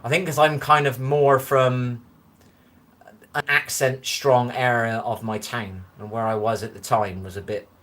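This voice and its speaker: Sitting in his dimly lit room, a Bristol man streams live on his phone and reads out comments from viewers in his Bristolian West Country accent. Rambling, easily amused and chatty, he speaks unhurriedly in a steady, medium-pitched, fairly bright voice.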